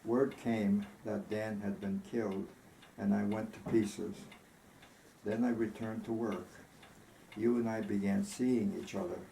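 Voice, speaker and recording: A tender, grieving woman in a storybook romance, read by a man in his own fairly low voice. The delivery is earnest, reflective and very slow, in an echoey room. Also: flat delivery, creaky, warm tone. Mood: tender, wistful. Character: tender, grieving woman recalling her lost love. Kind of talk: storybook reading. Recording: roomy echo, faint background noise.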